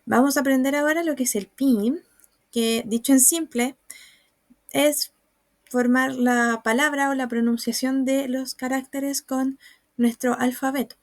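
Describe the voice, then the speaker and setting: A woman's voice: high-pitched, fairly even intonation, no room sound. A woman, patiently explaining sounds and writing in a recorded online lesson. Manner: slow, patient explaining with examples. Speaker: Mandarin teacher.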